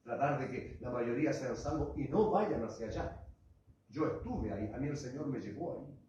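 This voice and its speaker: A man preaching an impassioned sermon, his voice swinging between fervent cries and hushed asides as he keeps calling out to his congregation. It comes from a distance in a large church hall with heavy echo, and the sound is a little dull. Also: mid-range voice, animated, moderate pace, a little hiss or hum. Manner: addresses the congregation as "hermano" and "iglesia". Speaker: pastor. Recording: echoey hall, voice far from the mic, muffled.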